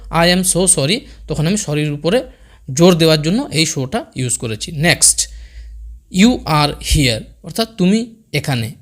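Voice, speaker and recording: A man teaching spoken English in Bengali, saying each English phrase slowly and repeating it. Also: fairly high pitch. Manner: says English phrases very slowly and twice over.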